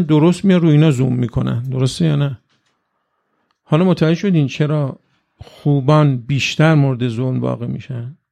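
Gravelly-voiced man giving a religious lecture. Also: a little high, warm tone. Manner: rhetorical questions, conversational. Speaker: cleric.

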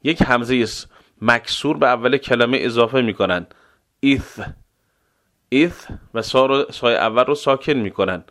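A man teaching pronunciation as a language lesson, saying single words slowly and repeating them, with quicker explanations in between. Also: mid-range voice, a bit bright. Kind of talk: slow pronunciation drill.

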